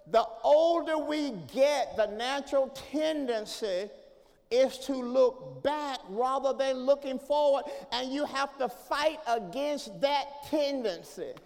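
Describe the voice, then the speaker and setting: A man preaching in a with a gravelly, fry-laden tone. His voice sits unusually high, and he swings from quiet, drawn-out lines to hollering calls for a response. The sound carries a long reverb from a big hall. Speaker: pastor. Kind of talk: sermon. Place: church sanctuary.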